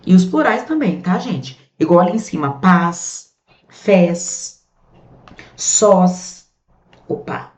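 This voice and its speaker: A Brazilian woman teaching a grammar lesson in a chatty, lively way, drawing out the words she stresses. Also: on the low side, takes it slowly, pauses often. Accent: Brazilian Portuguese. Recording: muffled, echoey room.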